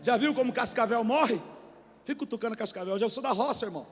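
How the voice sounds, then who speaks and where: A Brazilian pastor preaching a fiery sermon, telling folksy stories and building up to shouted repetitions. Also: male voice, very high voice, quick pace. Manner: colloquial, folksy storytelling. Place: church hall. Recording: reverberant church hall with faint music.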